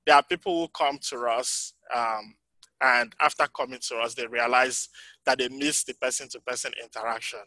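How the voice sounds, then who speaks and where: Halting man speaking at a conference panel. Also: mid-range voice, steady tone, bright, forceful tone, dry recording, low-quality recording. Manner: halting, many ums, voice fading in and out. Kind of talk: conference breakout talk. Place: conference breakout room.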